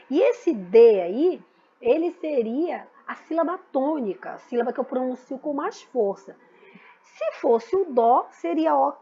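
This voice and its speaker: A woman's voice: high voice, dull audio. A woman teaching a grammar lesson, patiently explaining and repeating key words for her students. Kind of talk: recorded school lesson.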